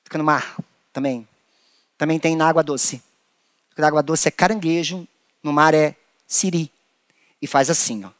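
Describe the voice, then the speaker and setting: A man with a Brazilian Portuguese accent leading a playful children's hand-play lesson, acting out animals with an animated manner. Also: moderate pace, long pauses, dry recording. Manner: animated, playful, acts out creatures in squeaky high voices. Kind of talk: playful children's lesson with acted little voices.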